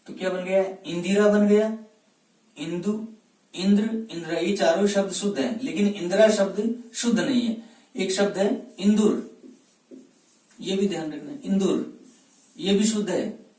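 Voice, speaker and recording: A man's voice: high voice, a little slow, long pauses, mellow. Man teaching Hindi grammar in an echoey room. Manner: asks questions and answers them himself, repeats words for drill. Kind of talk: exam-prep grammar lesson. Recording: echoey room, mic at a distance.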